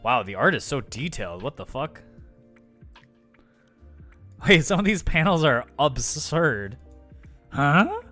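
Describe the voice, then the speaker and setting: A man's voice: medium pitch, sing-song, measured pace, long pauses, bright, forceful tone, soft background music. A man livestreaming, rambling in casual chat with viewers, his throat sore from talking. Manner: rambling, filler-heavy, frequent restarts.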